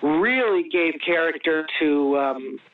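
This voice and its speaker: A man's voice: on the high side, animated, slow pace. A male author, interviewed over the phone from home, speaking with enthusiasm but hesitating with many ums. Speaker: author guest. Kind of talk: casual interview chat. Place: home in Los Angeles. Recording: distant tinny phone line.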